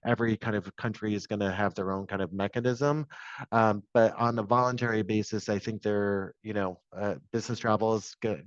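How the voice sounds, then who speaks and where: A man's voice: on the low side, fairly even intonation, brisk, no room sound, lo-fi sound. A man panelist on a webinar, answering in a rambling way with many fillers, over a video call.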